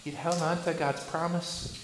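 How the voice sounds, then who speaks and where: Pastor, male, high voice. Preaches with rhetorical questions and sharp shifts between loud and soft. Roomy church sound with faint background hum. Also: flat delivery, moderate pace. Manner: asks rhetorical questions, swings between loud bursts and hushed lines. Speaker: Lutheran pastor. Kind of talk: sermon.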